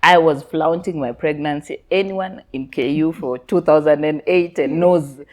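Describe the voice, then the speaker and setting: A woman's voice: sits low, moderate pace. A Kenyan woman in her thirties, a podcast guest candidly telling her life story, laughing often and mixing Swahili slang into her English. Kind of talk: personal storytelling interview.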